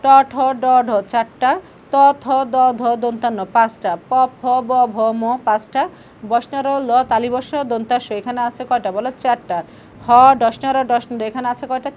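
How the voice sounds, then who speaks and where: A woman's voice: fairly high pitch, a little mellow, slight background noise. A woman teaching an online grammar class, asking questions and answering them herself, patient and repeating key points.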